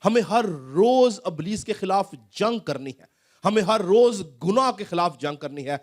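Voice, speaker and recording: A male pastor preaching a sermon in a church hall, asking rising questions and then dropping his voice low. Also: lively intonation.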